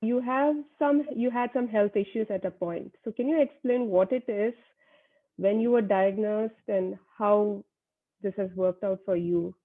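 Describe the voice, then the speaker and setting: A woman hosts an interview in a friendly way, asking questions and nodding along with short replies. Her voice is of middle pitch for a woman. It comes through a thin, phone-like line. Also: measured pace. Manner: friendly, brief affirmations. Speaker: host. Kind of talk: interview hosting.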